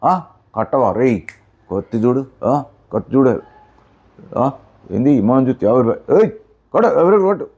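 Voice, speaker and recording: A man voicing a bullying street thug who waves a knife and shouts demands for money, in a comic sketch. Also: medium pitch, sing-song, fast, pauses often, natural voice. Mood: threatening. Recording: dull lo-fi recording.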